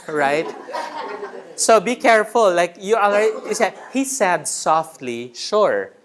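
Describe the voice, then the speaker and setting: A man training a writing workshop in a room, teacherly, repeating key words and checking in with the group. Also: high voice. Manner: teacherly, checks in with "right?" often.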